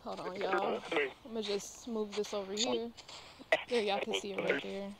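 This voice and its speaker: A woman's voice: medium pitch, fairly even intonation, moderate pace, gravelly, over a noisy crowd, rough recording. A woman chatting informally to viewers as a paranormal vlogger, rambling and talking aloud to herself. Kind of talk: casual chat to viewers. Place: outdoors in a cemetery.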